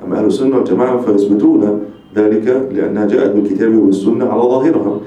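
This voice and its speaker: A man teaches a religious text as a sheikh, talking quickly in a dark, mellow voice. He explains emphatically and restates his points. The sound is a dull, distant recording in a very echoey room. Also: on the low side, steady tone. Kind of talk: religious lecture.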